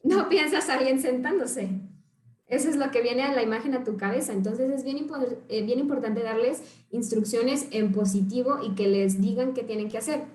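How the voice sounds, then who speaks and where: A woman psychologist explaining parenting strategies in a radio interview, lively and acting out what parents say, laughing often. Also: a little high, moderate pace, reverberant. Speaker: psychologist guest.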